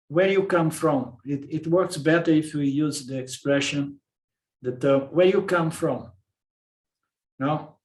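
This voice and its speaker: Brazilian man teaching in an echoey room. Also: on the high side. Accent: Brazilian Portuguese. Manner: repeats words, asks "okay?" to check understanding. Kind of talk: lecture on Vedanta philosophy.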